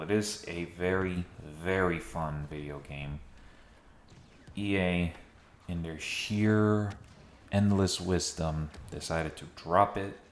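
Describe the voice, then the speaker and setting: A man whose voice sits low gives relaxed, occasionally dry and sarcastic commentary as a video essayist. Recorded in a mostly empty room of a new home, the audio carries heavy reverb and a bit of hiss or hum.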